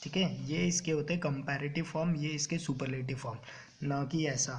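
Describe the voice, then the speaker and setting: A man coaching exam students on English grammar in Hindi mixed with English terms, often checking "clear?" as he goes. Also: on the high side, steady tone, normal speed. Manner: keeps checking understanding with "clear?" and "ok". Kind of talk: classroom-style exam coaching lecture.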